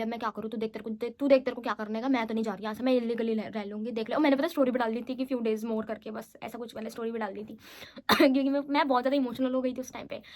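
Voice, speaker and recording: A woman in her twenties from India, telling her story in a casual, chatty vlog and mixing Hindi with English. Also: fairly high pitch. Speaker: vlogger.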